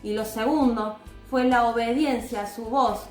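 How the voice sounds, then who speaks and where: A woman with a slightly high voice gives a devotional talk that weaves in a personal testimony. She speaks in a calm, earnest, measured way. The recording is roomy and carries a noticeable echo, with soft music underneath.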